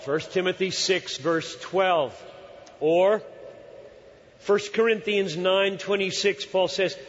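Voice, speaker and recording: A man in his sixties preaching a sermon in an earnest, emphatic way, often pausing to search for words. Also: sits high. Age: 60s. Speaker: pastor. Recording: dull hall recording with long reverb.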